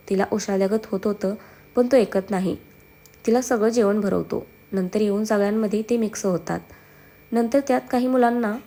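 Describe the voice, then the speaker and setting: A woman's voice: medium pitch, dark tone. A woman reading a family story aloud as storyteller, doing every character herself. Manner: reads all characters herself. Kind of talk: story narration.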